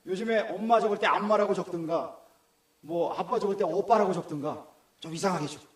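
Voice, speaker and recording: A man's voice: high voice, brisk. A middle-aged man with a Gyeongsang Korean accent, preaching a sermon in a conversational way and asking the congregation questions. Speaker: pastor. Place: church hall. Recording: echoey church room.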